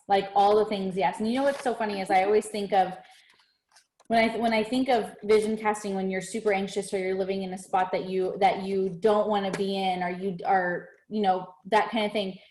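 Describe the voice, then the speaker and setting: A woman's voice: medium pitch, a little mellow, reverberant, slight background noise. A woman hosting a casual chat, gushing and chatty, sprinkling her talk with "dude" and "like.". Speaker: host.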